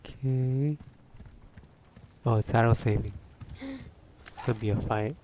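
A woman plays through a game and talks along as she goes. Her voice is remarkably deep for a woman. She narrates her moves casually and laughs easily. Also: slow, warm tone, a little hiss or hum. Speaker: gamer. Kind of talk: casual gaming chat.

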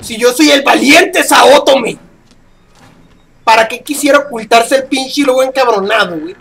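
High-pitched Mexican gamer shrieking in panic. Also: male voice, moderate pace, vocal fry, a bit bright. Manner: shrieks in panic and swears constantly. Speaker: gaming youtuber. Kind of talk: horror gameplay commentary.

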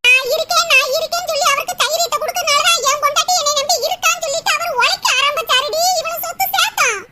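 A woman's voice: very high voice, fast, bright, forceful tone, exaggerated voice. A woman voicing an older village mother in a cartoon who lectures and scolds her daughter at length. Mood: lecturing. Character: chatty older village mother giving advice. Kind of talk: cartoon voice acting. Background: music.

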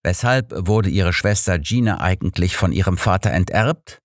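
A man voicing a calm, measured male detective asking questions in an audiobook. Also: low voice, no echo, clean studio sound. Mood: probing.

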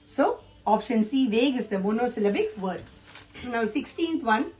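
A woman's voice: a little high, expressive, moderate pace, darkish tone. A woman teacher, going through exam answers step by step and posing questions to her students. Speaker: English teacher. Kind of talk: exam answer-key lesson.

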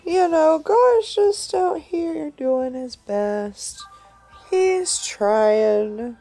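Woman, high-ish voice, gaming stream commentary, playful, sweary, slow and sing-song. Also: soft background music. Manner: playful and animated, with gasps, swearing and silly asides. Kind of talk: casual gameplay commentary.

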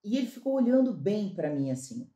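A woman from Brazil telling a comic story as a talk-show guest, acting out the dialogue with lively energy. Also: medium pitch, a little fast, echoey room. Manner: animated, acts out quoted dialogue, laughs while telling.

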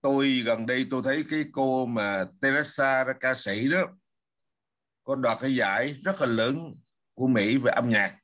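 A man's voice: medium pitch, moderate pace, fairly bright tone. A man hosting a casual political talk, emphatic and asking himself questions he then answers. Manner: emphatic, asks and answers his own questions.

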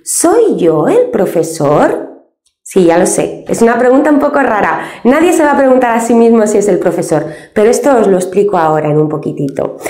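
Slow, lively-voiced woman teaching English. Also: on the high side, reverberant. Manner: patient, explains slowly, uses many diminutives. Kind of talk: step-by-step English lesson.

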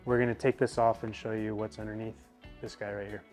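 Young man, casual how-to host, relaxed explainer, garage setting, faint music behind. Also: fairly low pitch, brisk. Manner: relaxed, explanatory, many fillers. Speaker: product installer. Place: indoor garage.

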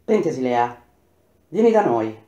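A woman voicing a gentle young slave girl who speaks in a soft, pleading way. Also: a bass voice, big pitch swings, a little slow, dull audio, heavily acted. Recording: roomy echo.

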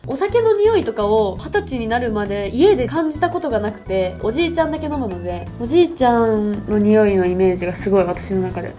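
A twenty-year-old woman chatting casually to camera as a vlog host, in a youthful, expressive, exclamatory and slangy way. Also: on the high side, quick pace, hardly any pauses. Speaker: video host. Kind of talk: casual vlog chat to camera while taste-testing. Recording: background music behind the voice. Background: music.

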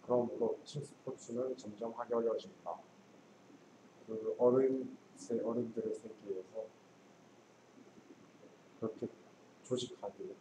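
A male student translating English sentences aloud, halting with pauses and restarts. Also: mid-range voice, fairly even intonation, dark tone. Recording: echoey room with clear background noise.

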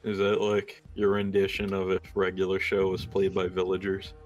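A man's voice: sits low, completely flat delivery, normal speed, soft background music. A young man joking crudely with teammates in a casual gaming voice chat.

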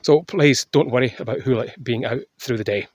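Walking on a hill outdoors, a breathless falconer who hosts a channel records a rambling, off-the-cuff vlog on his phone camera, full of filler "uh"s. His voice is mid-range and brisk.

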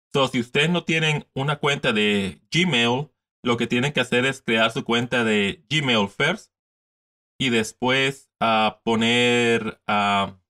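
Bright-voiced man walking through a screen tutorial. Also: mid-range voice. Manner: casual, repetitive step-by-step explaining, mixes in English words. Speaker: tutorial host.

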